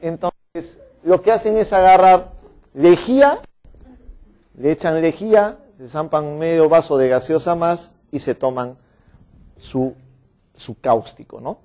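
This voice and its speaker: Brisk man teaching a medical lecture. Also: a little high, warm tone. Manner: brisk, chatty, quizzes students by name and scolds them with humor. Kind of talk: online medical exam-prep lecture.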